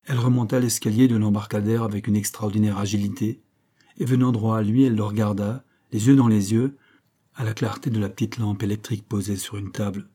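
Casting: male audiobook narrator, low dark voice, steady literary reading. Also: brisk.

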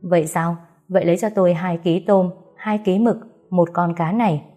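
A woman voicing a calm, gentle young man. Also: lowish voice, moderate pace, faint music behind, close to an everyday voice. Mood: easy.

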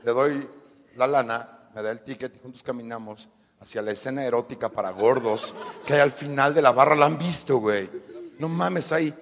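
Slangy laid-back comic. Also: male voice, mid-range voice, moderate pace, creaky, in a large hall. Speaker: stand-up comedian. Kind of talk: stand-up set.

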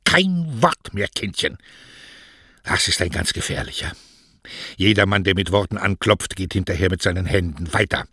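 A man voicing a stern, scornful middle-aged mother who scolds her daughter with a raised, sharp voice. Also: deep voice, steady tone, normal speed, pauses often, breathy edge, no room sound, studio quality, heavily acted. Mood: warning.

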